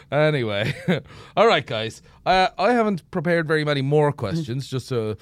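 A man's voice: fairly high pitch, sing-song, a little slow, no room sound. Giggly man hosting a podcast. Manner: giggly, laughs often. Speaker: podcast host. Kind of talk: casual comedy chat.

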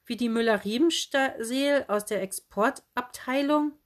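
A woman's voice: on the high side, a little slow, pitched above the performer's own voice, natural voice. Woman doing a zany, muddled aunt. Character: scatterbrained eccentric grown-up aunt. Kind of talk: audiobook character voice.

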